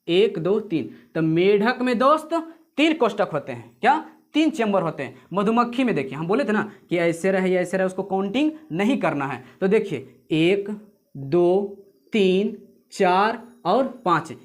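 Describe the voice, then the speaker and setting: A man teaching an exam-prep lesson, repeating points over and over and calling viewers "friends". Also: sits high. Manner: repetitive drilling, addresses viewers as friends; explains memory tricks with jokes and sung snippets. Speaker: coaching teacher.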